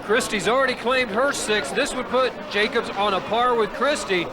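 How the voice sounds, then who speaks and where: A man's voice: very high-pitched, moderate pace. A man working as color commentator on a race broadcast, offering reflective and admiring analysis between the calls, heard from a hissy worn tape copy.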